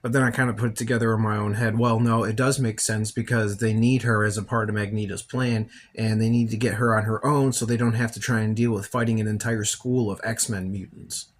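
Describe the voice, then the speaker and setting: A man with a fairly low voice hosts a podcast and talks through a movie in loose, casual commentary. He sounds tired and rambles, thinking aloud as he goes. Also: level tone, fairly quick, few pauses. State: tired, yawning. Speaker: podcast host.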